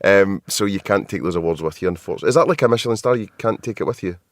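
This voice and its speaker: Racing along in a low voice, a Scottish man hosting a marketing podcast keeps the chat casual and self-mocking, breaking into laughter often. He's at a hotel, and the recording is dry and studio quality.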